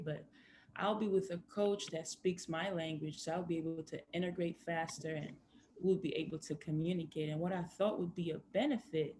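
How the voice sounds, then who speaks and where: A woman's voice: fairly low pitch, a little mellow, a little hiss or hum. A young woman from Greece, a former college basketball player, giving earnest personal remarks on a conference panel.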